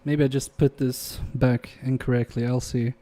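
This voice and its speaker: At a moderate pace and with a flat but warm medium-pitched delivery, a young man whose native language is Polish talks to his stream chat. He reads their messages out, tinkers with electronics at his workbench, and lets his words fade into muttering as he concentrates.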